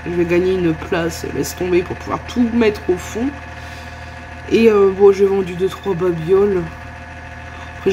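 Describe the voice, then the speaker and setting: A woman vlogging at home in casual chat, chatty and gushing. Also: lowish voice. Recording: loud computer fan hum. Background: computer fan noise.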